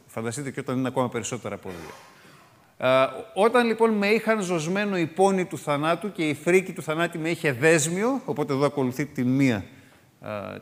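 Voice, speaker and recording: A man leads a sermon-style Bible study. He reads verses aloud and picks apart their wording, with many hesitant filler sounds. His slightly raised voice rings with a long hall reverb. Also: a little high. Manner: reads scripture aloud between comments. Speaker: Bible teacher.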